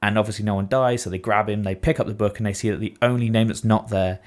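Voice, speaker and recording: A man's voice: on the low side, fairly even intonation, quick pace. A man co-hosting a casual podcast, retelling events animatedly and swearing freely. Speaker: podcast co-host. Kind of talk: casual chat.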